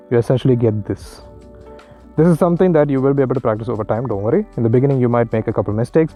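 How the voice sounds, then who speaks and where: A man's voice: mid-range voice, mellow. A man talking casually and informally as he explains things step by step in an instructional motovlog, thinking aloud as he goes, recorded outdoors on a motorcycle. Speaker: motovlogger, learner rider giving tips. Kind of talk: casual instructional vlog talk while riding. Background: motorcycle engine and traffic sounds, music.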